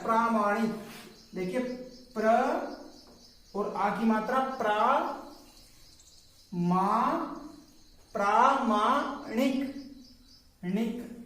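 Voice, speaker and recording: A man teaching a spelling lesson, reading out dictation words slowly and breaking each one down letter by letter. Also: high-pitched, fairly bright tone. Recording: very echoey room, voice far from the mic.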